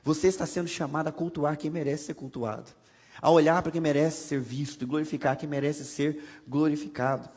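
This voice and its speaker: High-voiced Brazilian pastor in echoing church. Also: male voice, fairly even intonation, fairly quick, a little mellow. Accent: Brazilian Portuguese. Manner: conversational, humorous preaching with rhetorical questions. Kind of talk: sermon. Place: church sanctuary. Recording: long hall reverb from a church.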